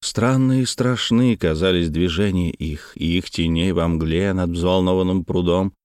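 Low-voiced man reading a classic novel. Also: clear, resonant tone, no echo, clean studio sound. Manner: measured, expressive reading. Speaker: narrator. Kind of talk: scripted literary narration.

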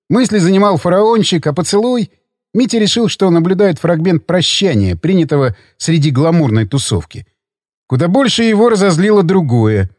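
A man narrating an audiobook thriller in a dramatic, expressive storytelling manner. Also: high-pitched, no echo, clean studio sound. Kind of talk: scripted narration.

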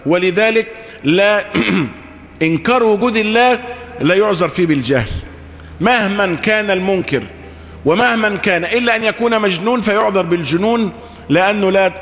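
High-voiced preacher in echoey hall. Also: male voice, a bit bright. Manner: explanatory, rhetorical questions, repeats phrases for emphasis. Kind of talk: Friday sermon.

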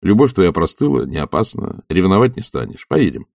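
A man voicing a steady, practical friend with a calm, reassuring manner. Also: low voice, a little fast, vocal fry, no room sound, studio quality, heavily acted.

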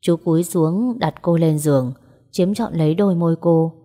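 Low, mellow woman reading a story. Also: normal speed. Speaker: audiobook narrator. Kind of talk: storytelling narration with dialogue voices.

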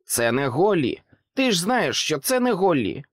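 A man's voice: a little high, very animated, normal speed, dry recording, studio quality, pitched above the performer's own voice. A man putting on a bossy toy pig. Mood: urgent. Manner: urgent, commanding shouts. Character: brave bossy toy pig, small, urgent.

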